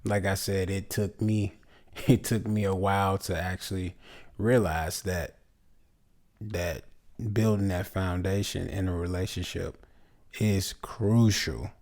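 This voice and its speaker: A man co-hosting a relationship podcast in casual, joking chat. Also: sits low. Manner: slow, relaxed, joking. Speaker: podcast co-host.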